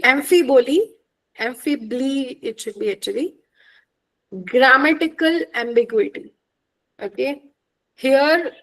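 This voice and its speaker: A woman teaching an online exam-prep lecture, explaining with examples and checking understanding with quick questions. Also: high voice, poor audio.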